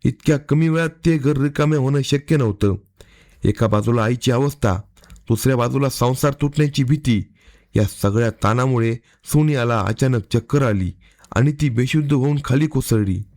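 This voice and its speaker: A man narrating a scripted crime story in an even, dramatic storytelling manner. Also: mid-range voice, moderate pace.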